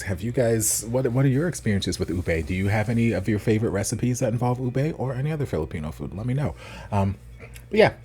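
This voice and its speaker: Low-pitched American man, casual food vlogger. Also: darkish tone. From United States. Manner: informal, thinking aloud. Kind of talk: casual rambling chat to camera.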